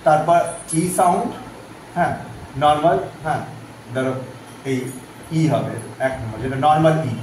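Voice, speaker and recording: A man teaching a phonetics lesson, repeating vowel sounds slowly so students can follow. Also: fairly high pitch, a little mellow. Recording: very echoey room, voice from off-mic, faint background noise.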